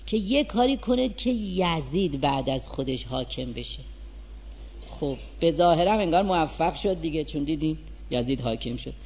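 A man delivers a religious sermon in a high voice, posing rhetorical questions and rising to emphatic peaks. His voice carries a long reverb, as if spoken in a large hall. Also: darkish tone. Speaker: cleric preacher.

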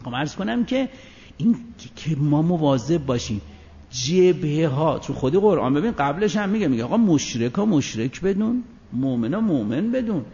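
A man delivers a religious lecture in a fairly high voice, his pitch leaping about as he fires rhetorical questions at his listeners. His delivery swings between loud bursts and soft asides. The sound is dull and lo-fi, with a long reverb trailing off his words. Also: sing-song. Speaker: preacher. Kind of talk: Quranic exegesis lecture.

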